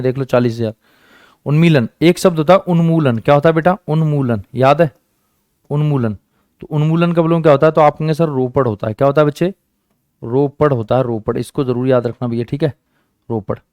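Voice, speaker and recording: A man's voice: fairly high pitch, a little mellow, no echo. A man teaching an online exam-prep class, coaxing his students, repeating each question and answer and calling them friends and children. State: sore hand, says it hurts.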